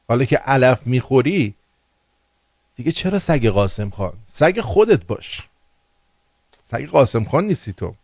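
A man's voice: medium pitch, dry recording. A man hosting a radio call-in show, scolding his listeners in a crude, angry political rant. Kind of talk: ranting political monologue. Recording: dull lo-fi dry sound.

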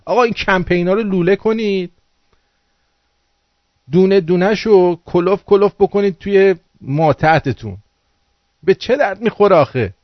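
A man's voice: sits high, pauses often, no echo. Angry ranting male radio host. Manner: angry, crude, scolding. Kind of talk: ranting political monologue. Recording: dull lo-fi dry sound.

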